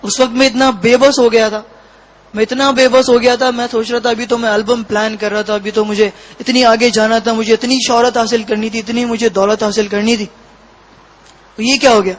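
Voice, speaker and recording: A man giving a personal testimony as an interview guest, talking in a halting, reflective way with frequent pauses. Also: very high-pitched, little pitch movement, rough recording. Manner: halting, reflective, pausing often between phrases.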